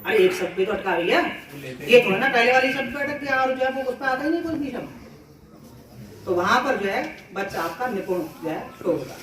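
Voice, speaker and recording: A man addresses fellow teachers at a school cluster meeting, explaining at length and repeating words for emphasis. His voice sits high and bright. The room is strongly echoey and the mic is placed well away from him. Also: expressive, normal speed, far from the mic. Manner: explanatory, repeats words, uses everyday examples.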